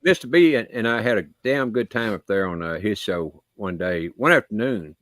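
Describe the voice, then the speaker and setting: A man with a raspy voice, a guest singer chatting in a folksy, lively way. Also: fairly low pitch, normal speed, no echo. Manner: folksy, lively, swears freely. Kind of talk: casual chat.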